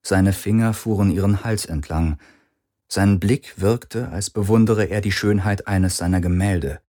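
A man with a deep, slightly husky voice reads a novel aloud. He takes his time, with an unhurried, measured delivery. His storytelling stays steady and calm. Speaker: audiobook narrator. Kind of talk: scripted narration.

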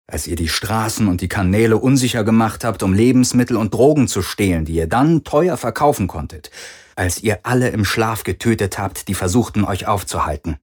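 A man's voice: lowish voice, lively intonation, a little fast, husky. A man voicing a defiant, frightened young woman thinking bitter, hateful thoughts. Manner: bitter inner voice.

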